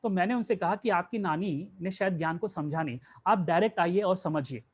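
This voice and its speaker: A man's voice: high-pitched, a little fast, slightly rough. A man teaching a spiritual class, asking rhetorical questions and answering them himself, mixing in English words.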